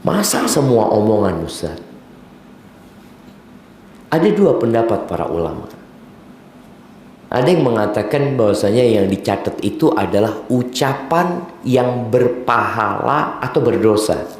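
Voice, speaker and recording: A man delivers a sermon, his pitch rising and falling animatedly as he jokes and acts out little scenes. The sound is heavily echoey, with faint background noise. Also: a little slow, pauses often. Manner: lively, humorous, acts out dialogue. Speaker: preacher.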